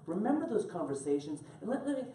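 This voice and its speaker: A male pastor preaching a sermon to his congregation, animated and laughing as he tells stories and calls on people by name. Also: high voice, fast talker, slight background noise. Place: church sanctuary. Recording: echoey room from far off.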